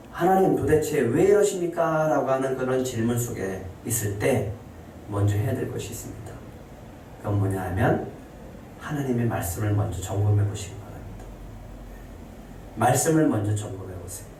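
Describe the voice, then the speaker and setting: A male pastor preaching a sermon to his congregation. He asks them questions and answers them himself, and his voice climbs high and emphatic when he voices scripture. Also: normal speed, long pauses, darkish tone. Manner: rising to high emphatic pitch when voicing scripture quotes. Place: church sanctuary. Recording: very echoey, distant, faint hiss.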